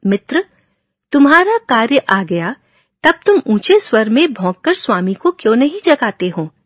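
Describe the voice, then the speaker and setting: An indignant male donkey from a storybook fable scolds his friend in a raised, reproachful voice, read out by a woman. The voice sits fairly high and moves a lot in pitch. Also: sing-song, normal speed, dry recording, studio quality. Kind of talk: reading a storybook fable aloud.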